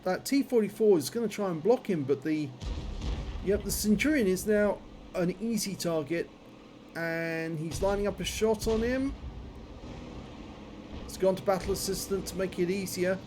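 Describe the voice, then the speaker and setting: A man's voice: high-pitched, normal speed, long pauses, a little mellow, a little hiss or hum. A man giving running commentary on a video game, his speech slightly impeded by a numb, toothache-swollen jaw. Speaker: gameplay commentator.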